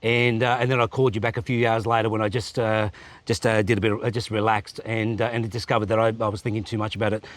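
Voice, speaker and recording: A man's voice: lowish voice, little pitch movement, quick pace, dry recording. A man hosting a casual vlog, talking to friends and to the camera. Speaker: host.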